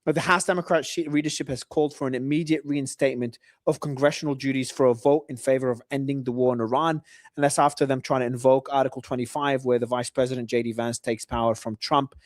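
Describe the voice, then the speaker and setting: A man's voice: mid-range voice, fairly even intonation, fast, dry recording, clean studio sound. A man hosting a live talk show, reading out news updates and giving his own predictions. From Australia. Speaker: host.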